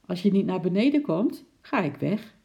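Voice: medium pitch, big pitch swings, moderate pace, warm tone, dull audio, voice pushed up. A narrator voicing Lotje, a curious, eager young girl who pleads and calls out. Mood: pleading. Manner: pleading, raised voice.

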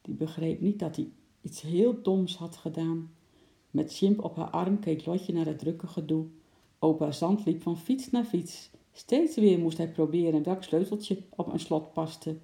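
Dark, gravelly storybook narrator. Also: mid-range voice, a little slow. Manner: lively storytelling. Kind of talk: children's audiobook reading. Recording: roomy echo.

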